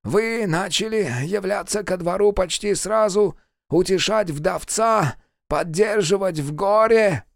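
A man playing a cunning male ambassador in an audiobook, speaking in a hoarse, quiet, insinuating voice. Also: high-pitched, measured pace, no echo, studio quality, pitched above the performer's own voice. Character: cunning male foreign ambassador, pinned and choking.

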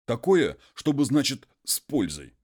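A man doing a high, pleading peasant. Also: big pitch swings, darkish tone, husky. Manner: folksy, drawn-out pleading speech.

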